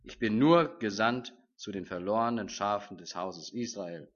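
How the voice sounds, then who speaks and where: Casting: man reading a calm, authoritative male teacher from scripture, measured and even; muffled lo-fi sound. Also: fairly low pitch. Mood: solemn.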